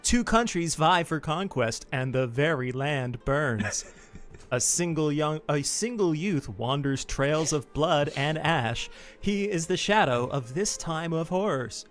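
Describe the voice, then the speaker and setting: A man voicing an upbeat male romantic-comedy trailer announcer, loud and bouncy, laughing through it. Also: fairly high pitch, expressive, takes it slowly, soft background music. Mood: chipper.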